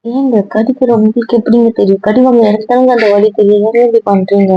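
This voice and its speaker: A woman's voice: a little high, fairly even intonation, quick pace, lightly acted. A woman playing an exasperated young wife. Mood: pleading. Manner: pleading, reproachful. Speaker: wife character. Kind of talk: amateur audio drama acting. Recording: dull, dry lo-fi recording.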